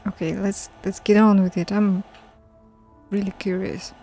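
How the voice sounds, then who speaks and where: A woman's voice: medium pitch, level tone, a little slow, dark tone, faint music behind. A woman streamer playing a story game live, reading it aloud and musing with chatty asides.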